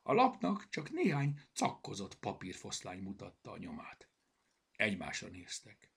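Husky, expressive man reading a children's story. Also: low-pitched. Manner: expressive, switching into character voices. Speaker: storybook narrator.

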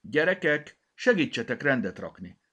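A man's voice: mid-range voice, sing-song, pushed and bright, husky, dull audio, pitched above the performer's own voice, full character voice. A man voicing a kindergarten teacher who exclaims and gives orders. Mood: bossy. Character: kind kindergarten teacher, woman.

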